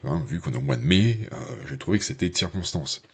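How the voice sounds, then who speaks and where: A man with a very deep, husky voice walks the viewer through a software tutorial in a loose, chatty way. He hesitates often and fills the gaps with fillers while talking straight to his audience. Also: expressive, quick pace. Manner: addresses viewer informally. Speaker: tech channel host. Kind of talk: casual screen-share tutorial.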